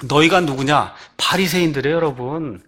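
A man preaching a sermon, often asking his listeners rhetorical questions and swinging between raised, emphatic phrases and low, quiet endings. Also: a little fast. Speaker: pastor.

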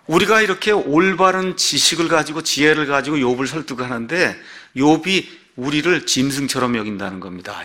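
Pastor, man, bright and forceful tone, expository sermon driven by rhetorical questions. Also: medium pitch.

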